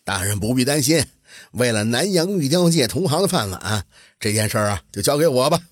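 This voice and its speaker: A man storyteller voicing a calm, wise master jade carver who speaks low and softly. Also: breathy edge, no room sound, clean studio sound, exaggerated voice. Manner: low, unhurried and soft.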